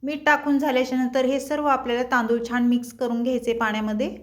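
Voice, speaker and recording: A high-voiced woman walks viewers through a home cooking recipe. She talks in a chatty, friendly way and addresses her audience as friends. Her speech stays light and conversational. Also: little pitch movement, fast talker. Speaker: cooking channel host.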